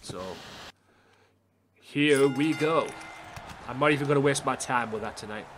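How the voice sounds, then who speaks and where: A young man doing excitable, swearing live-stream commentary over a game, talking straight to his chat viewers. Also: medium pitch, unhurried, a little hiss or hum.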